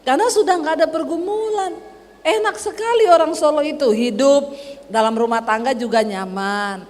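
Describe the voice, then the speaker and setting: A woman from Sulawesi preaching a sermon as pastor, telling animated stories from her own marriage. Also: high voice, moderate pace. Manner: animated storytelling, acts out quarrels with her husband. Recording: long hall reverb.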